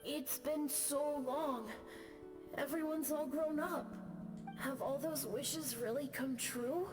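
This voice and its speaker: A woman playing a gentle, wistful old friend reminiscing softly in sentimental video game dialogue. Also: high-pitched, slow. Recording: game dialogue over music.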